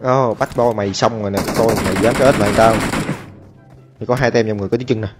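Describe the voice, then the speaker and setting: A man giving excitable, chatty commentary over his own gameplay, talking to viewers and taunting enemies. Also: lowish voice, fast. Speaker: gaming streamer. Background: game music and gunfire.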